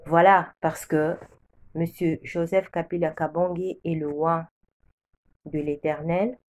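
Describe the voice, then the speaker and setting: This preacher, a woman from the Democratic Republic of the Congo, speaks slowly in a low, darkish voice with little movement in pitch. Her religious testimony is a prophecy built on repeated, solemn declarations.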